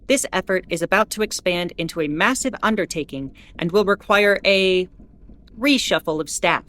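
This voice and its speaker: A woman playing a starship captain who gives formal, measured bulletins with dry asides in an audio drama. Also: lowish voice, fairly bright tone, lightly acted. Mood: formal, composed. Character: female starship captain reading an official ship bulletin. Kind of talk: scripted in-character announcement, audio drama.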